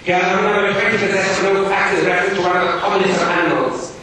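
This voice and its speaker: A man reading aloud as a stern, pompous Victorian schoolmaster, commanding and loud, recorded from a distance in an echoey room with background noise. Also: fairly even intonation, fast talker. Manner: booming and commanding.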